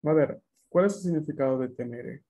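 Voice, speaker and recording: Man, language teacher, online class, patient explainer, mellow tone, slightly high pitch. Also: expressive, fairly quick. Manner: patient, explanatory, frequent tag questions.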